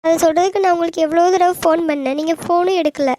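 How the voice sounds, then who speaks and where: A woman voicing a gentle, devoted young wife in a cartoon, talking in an earnest, pleading way. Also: extremely high pitch, steady tone, quick pace, a little hiss or hum. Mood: hurt, pleading. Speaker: voice actor. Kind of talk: animated cartoon dialogue.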